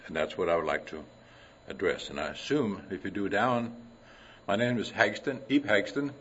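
An older man from Denmark presents at a conference, pausing often to clear his throat between folksy asides. His voice sits fairly low. The recording is dull and lo-fi, with faint noise behind him. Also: fairly bright tone. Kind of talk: conference talk with anecdotes.

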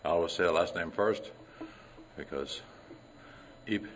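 An older man from Denmark giving a conference talk, clearing his throat often and mixing science with folksy anecdotes. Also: deep voice, a little slow, a bit bright, a little hiss or hum. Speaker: conference presenter. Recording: dull lo-fi recording.

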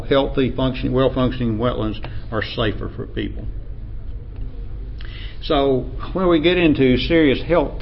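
A man with an Appalachian American accent giving an informal academic lecture in a measured, hesitant way, often clearing his throat. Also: medium pitch. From Appalachian United States. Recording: dull lo-fi sound, faint background noise.

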